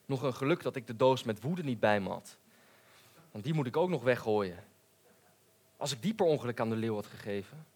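A man voicing a small, anxious male cricket in a spoken storybook, talking softly and hesitantly. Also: medium pitch, lively intonation, a little fast, pauses often, slightly rough. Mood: musing. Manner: soft, hesitant, apologetic.

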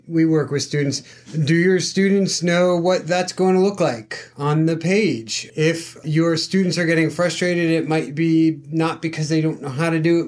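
Higher-voiced male podcast co-host. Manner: thoughtful, uses many fillers like "you know". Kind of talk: casual chat.

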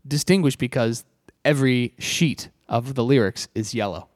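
A man's voice: mid-range voice, moderate pace, no room sound. Playful co-host, man, dry close mic. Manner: playful, agreeable, banters. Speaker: podcast co-host. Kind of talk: casual podcast chat.

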